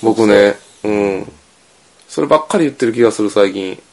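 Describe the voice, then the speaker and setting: A man's voice: on the low side, moderate pace, a little mellow. A man with a Kansai Japanese accent hosting a casual late-night podcast, rambling and a little drunk. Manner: tipsy, rambling. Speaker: podcast host.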